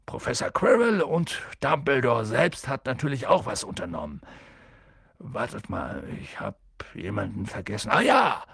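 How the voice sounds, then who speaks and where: A man voicing a big, gruff and kindly half-giant groundskeeper in an audiobook, rambling and hesitant with ums. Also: mid-range voice, huge pitch swings, normal speed, a bit bright, dry recording, studio quality, exaggerated voice. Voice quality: gravelly, husky. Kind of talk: audiobook character voice.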